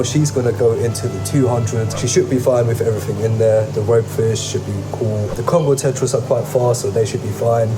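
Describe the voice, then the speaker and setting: A man's voice: mid-range voice, rough recording. Casual male vlogger over prominent music. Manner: colloquial, addresses viewers directly. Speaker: host of an aquarium hobby channel. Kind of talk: enthusiastic casual vlog narration.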